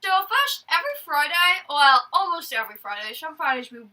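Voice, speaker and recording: A woman's voice: sits high, fairly quick, recorded from a distance. A young woman telling stories casually and chattily as host, saying w in place of r. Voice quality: cannot pronounce r, says w for r. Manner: excitable, chatty, exclaiming. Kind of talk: casual storytelling to camera.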